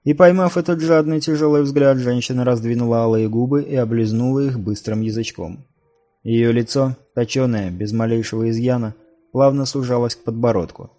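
A man narrating a fantasy novel as an audiobook reader, in a measured storytelling manner. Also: medium pitch, mellow.

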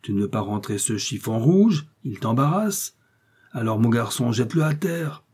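A man's voice: mid-range voice, lively intonation, moderate pace, darkish tone, husky. A man reading the part of a cruel, laughing male whip-master who mocks his victims in an audiobook. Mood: menacing. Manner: mocking, gloating.

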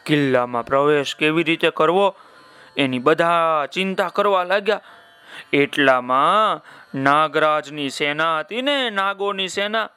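A man's voice: high-pitched, bright, forceful tone, smooth, no room sound. A man telling a children's story in a playful way, speaking directly to his young listeners.

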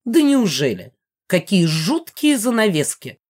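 A woman's voice: fairly low pitch, lively intonation, normal speed, darkish tone. A woman reading an audiobook, voicing a middle-aged mother who mocks with venomous, teasing sarcasm. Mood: sarcastic. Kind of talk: audiobook character voice.

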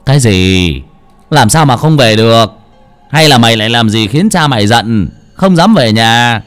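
Audio storybook: narrator doing a gruff village man, barking and scolding. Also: fairly low pitch, wildly swooping pitch, normal speed, soft background music. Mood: shouting. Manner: gruff, shouting when scolding.

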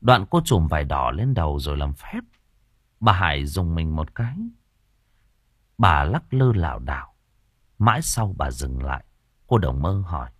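A man narrating an audiobook story in an expressive storytelling manner. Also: extremely low pitch, a little slow, long pauses, husky, no room sound, studio quality. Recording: narration with faint music.

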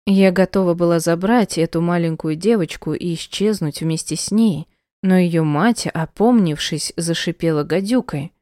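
A woman narrating a first-person audiobook in a measured, emotional storytelling manner. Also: on the low side, mellow, no room sound, clean studio sound.

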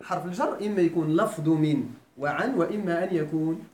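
In a Quran school lecture room, a man with a fairly high, brisk, slightly mellow voice teaches Arabic grammar in a Moroccan accent. He often asks his students questions to be sure they follow, and the recording has echo and faint background noise.

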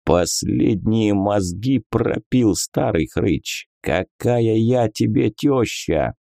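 A man voicing a hooded, grumpy male spirit of the dead in a storybook, hoarse, gruff and dismissive. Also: on the low side, expressive, slow, mellow, dry recording, clean studio sound, exaggerated voice. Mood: grumbling. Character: hooded male death-spirit guide, grumpy, world-weary.

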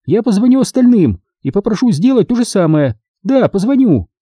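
Man voicing high shrill storybook woman, indignant, scheming, dark mellow tone, dry close sound. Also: sing-song, normal speed, husky, no echo, full character voice. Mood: commanding. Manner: shrill, indignant, easily flustered. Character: anxious scheming wealthy middle-aged woman. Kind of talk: audiobook character reading.

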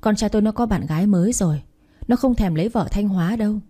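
A woman's voice: medium pitch, fast, dark tone, lightly acted. A woman reading a storybook aloud and voicing a cold, scornful middle-aged mother who insults her son's pregnant girlfriend. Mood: contemptuous. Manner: mocking, dismissive.

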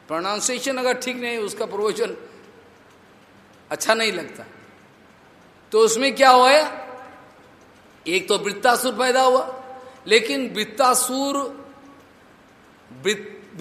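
A man's voice: high voice, pushed and bright. A man, a monk preacher, telling a devotional story as a sermon, checking in with his listeners through rhetorical questions and mixing in English words. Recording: echoey hall reverb.

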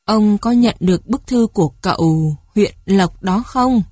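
A woman's voice: mid-range voice, unhurried, mellow, no room sound, clean studio sound, natural voice. A woman voicing an elderly dignified mother who asks questions hesitantly in a storybook. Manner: hesitant, searching.

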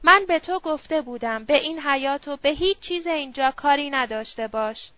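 A woman's voice: high-pitched, expressive, no echo, dull audio. Javid, a woman reading a stern young man. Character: stern young male Zoroastrian, guarded and protective.

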